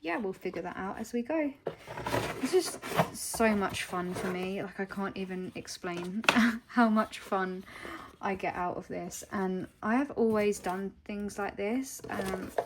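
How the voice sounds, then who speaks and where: A young woman from England talking to camera in a casual vlog, hesitant and heartfelt, with many pauses and ums. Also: mid-range voice, very noisy. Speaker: vlogger.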